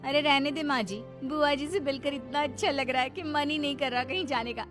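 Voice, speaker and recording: A woman voicing a haughty, mocking young wife who is vain about her looks, in a taunting, high-pitched manner. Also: a little fast, music in the background, lightly acted. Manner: sneering, taunting, high and shrill.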